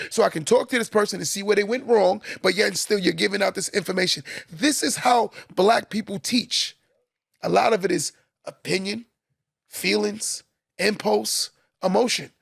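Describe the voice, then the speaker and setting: A man hosts a live podcast, a motivational live-stream talk in which he preaches to listeners and repeats key lines for emphasis. His voice is high-pitched with vocal fry and a fairly bright tone, recorded at studio quality with no echo.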